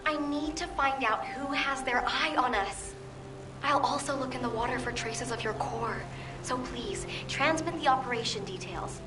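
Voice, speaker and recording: Earnest, higher-voiced female soldier played by a woman, distant. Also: normal speed, music in the background, lightly acted. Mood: earnest, mildly put out. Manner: serious, careful. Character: earnest, watchful female soldier with water powers. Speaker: game character, water-powered operative. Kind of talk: voiced game dialogue. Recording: distant, noisy with ambience behind.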